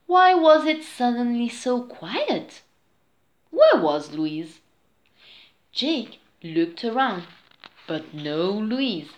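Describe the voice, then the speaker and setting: Slow, animated woman reading a storybook. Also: a little high. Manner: slow, expressive, singsong storytelling. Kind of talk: children's storybook read-aloud.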